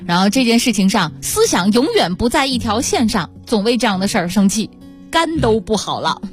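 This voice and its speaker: A woman's voice: mid-range voice, very animated, brisk, soft background music. Chatty woman radio co-host. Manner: chatty, laughs often, reads listener messages. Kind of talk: casual radio chat.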